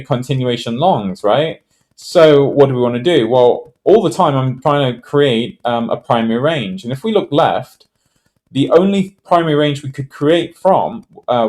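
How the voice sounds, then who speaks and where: A man in a middle register talks through a chart trade review in a loose, conversational way. He thinks out loud, trails off, restarts his sentences and fills the gaps with ums and you-knows. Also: medium pitch. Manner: rambling, thinks aloud with fillers and restarts. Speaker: trading educator. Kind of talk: casual screen-share trade walkthrough.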